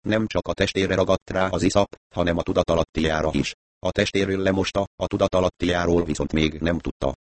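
A man reading a story aloud as an audiobook narrator, in a steady, even storytelling delivery. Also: low voice. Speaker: audiobook reader. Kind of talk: scripted narration.

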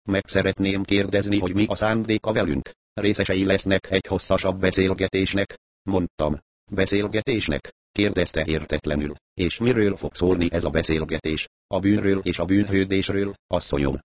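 Male audiobook narrator, deep and dry, carries the characters' dialogue himself. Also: dry recording.

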